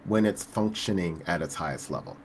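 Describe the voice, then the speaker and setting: A man's voice: low-pitched, animated, brisk, slight background noise. A man hosting an interview, asking curious questions and thinking aloud as he goes. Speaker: podcast host. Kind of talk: conversational interview.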